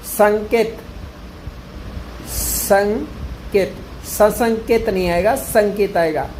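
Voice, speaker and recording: A male teacher giving an exam-prep grammar lesson, repeating each word slowly to drill it. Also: high-pitched, a little mellow, a little hiss or hum, rough recording.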